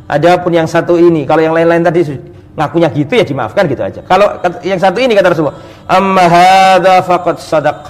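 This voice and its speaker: A male preacher giving a religious lecture, telling the story in an animated, conversational way and mixing in Arabic recitation. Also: a little high, racing.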